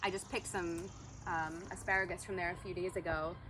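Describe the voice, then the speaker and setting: A woman's voice: lowish voice, fairly even intonation, fairly quick, fairly bright tone, slight background noise. A woman giving a casual walkthrough of her garden outdoors, talking loosely with lots of fillers. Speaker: homesteader giving a garden tour.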